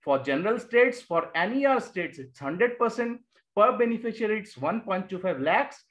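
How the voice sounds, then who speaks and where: A man with an Indian English accent and a high-sitting, fairly bright voice speaks at a moderate pace with lively intonation. An exam coaching teacher, he records a voice-over lecture on annotated slides, explaining step by step, repeating key terms, and answering his own questions.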